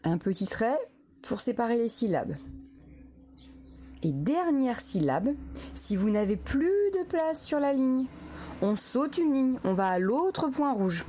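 A woman's voice: fairly high pitch, big pitch swings, slow pace, dark tone, a little hiss or hum. A woman teacher giving a dictation to young children, sounding out words syllable by syllable and spelling each letter.

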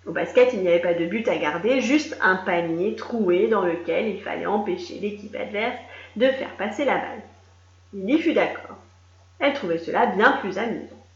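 A woman reading a children's story aloud in a lively, animated way, doing voices for the characters. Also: medium pitch, normal speed. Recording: echoey room, dull lo-fi sound.

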